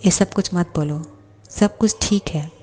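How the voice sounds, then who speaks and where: A woman voicing a gentle older brother who soothes his younger sibling. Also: on the low side, a little slow. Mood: soothing.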